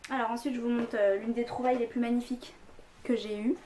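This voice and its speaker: A woman's voice: fairly high pitch, level tone, fast talker, mellow, a little hiss or hum. A young woman talking casually at home, rambling through a haul video with lots of fillers. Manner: chatty, rambling, many fillers. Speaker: vlogger.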